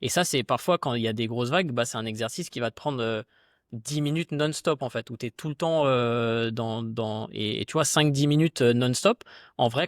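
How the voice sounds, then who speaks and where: A man talking as a podcast guest and fitness coach, in a chatty, relaxed, slangy way with lots of fillers. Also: mid-range voice, no room sound, studio quality. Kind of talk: casual conversation.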